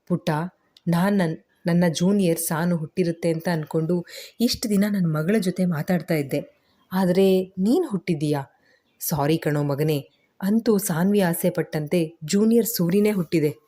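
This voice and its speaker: A woman's voice: fairly low pitch, moderate pace, warm tone, close to an everyday voice. A woman voicing a heartbroken young father who talks in a tearful, pleading way to his baby and his lost love. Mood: tender.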